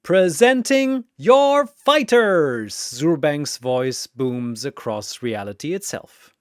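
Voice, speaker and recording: A narrator doubling as an arena announcer performs dramatic scripted battle storytelling, shifting between booming theatrical announcements and hushed narration. His voice is clear and resonant, captured dry with studio quality.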